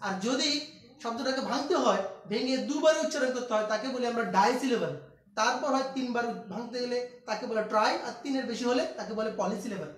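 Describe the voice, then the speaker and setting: Man from Bangladesh teaching grammar, high-pitched, recorded from afar in a roomy space. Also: quick pace. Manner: repeats key steps, asks students questions. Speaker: English teacher. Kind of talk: classroom grammar lesson. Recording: echoey room, distant mic.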